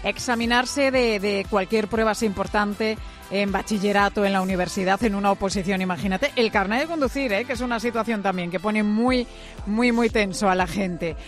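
A woman hosting an afternoon radio program, talking in a lively, conversational way and prompting her guests. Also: medium pitch, fairly quick, faint music behind. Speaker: radio host.

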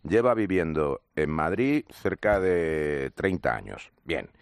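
A man on a radio panel, telling anecdotes in an animated way. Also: rumbling low, takes it slowly, creaky, smooth, no echo, studio quality.

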